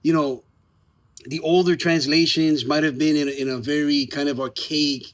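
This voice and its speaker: Outdoors in the evening, a theater maker chats casually to promote his work, informal, emphatic, and lightly profane. His voice is on the high side, with fairly even intonation at a normal speed.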